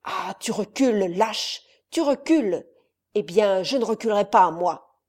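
Woman reader as a furious count, contemptuous, loud, mellow tone. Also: medium pitch, animated, unhurried. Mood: raging. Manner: raging, contemptuous, raised voice. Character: furious cruel nobleman count, a father.

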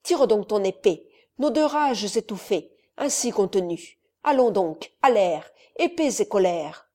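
A woman's voice: mid-range voice, lively intonation, a little slow, a little mellow. A woman voicing a furious, cruel nobleman who is a father, speaking in a raised, contemptuous voice. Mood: raging.

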